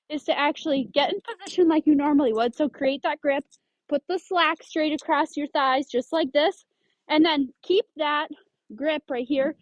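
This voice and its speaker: A woman's voice: high voice, no echo, lo-fi sound. A woman dog trainer explaining leash handling step by step, giving firm short commands to a dog. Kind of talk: instructional demonstration.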